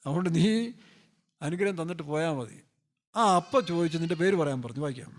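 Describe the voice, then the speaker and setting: A man's voice: fairly high pitch, fast talker, darkish tone. A male pastor preaching a sermon in a loose, joking way, firing off rhetorical questions and playfully acting out scripture characters.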